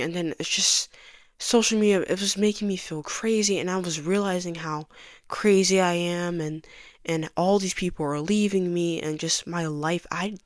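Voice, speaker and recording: A young woman telling her personal story in a soft, halting voice that often sinks to a near whisper. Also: fairly low pitch, no echo, clean studio sound. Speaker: vlogger giving a personal testimony.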